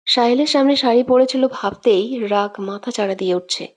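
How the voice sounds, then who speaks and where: Brief: woman narrator, slightly high voice, steady dramatic audio story reading. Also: moderate pace.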